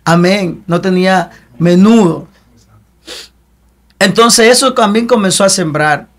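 Casting: young man, high-pitched, earnest testimony voice, repeats himself like a preacher. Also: takes it slowly, fairly bright tone. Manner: earnest, repetitive, preacher-like cadence. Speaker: guest giving testimony. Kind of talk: emotional personal testimony.

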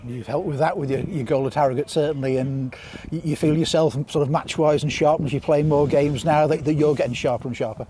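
A man asks post-match questions at a brisk clip, steering each one toward agreement. His voice is of medium pitch and mellow in tone. Faint open-air ambience sits beneath his voice. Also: steady tone, slight background noise. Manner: leading questions ending in tag questions. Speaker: club interviewer. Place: outdoors at a stadium at night. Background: faint outdoor ambience.

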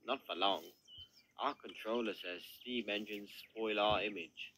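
A man's voice: on the low side, measured pace, bright, forceful tone, slight background noise, voice pushed down, rough recording. A man voicing a smug, scheming male diesel engine in an amateur toy train film, talking in a cold and superior way. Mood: haughty.

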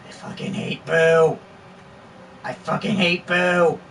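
A woman's voice: low-pitched, little pitch movement, takes it slowly, vocal fry, recorded from a distance, a little hiss or hum. A grumbling woman streamer with a sore voice. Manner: grumbling, swears a lot. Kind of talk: gameplay livestream commentary.

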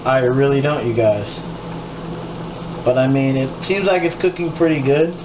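A man's voice: mid-range voice, normal speed. A man casually talking through a cooking vlog in his home kitchen, rambling and unsure, with many fillers. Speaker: cooking vlogger. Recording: echoey, dull, noisy home-camera audio.

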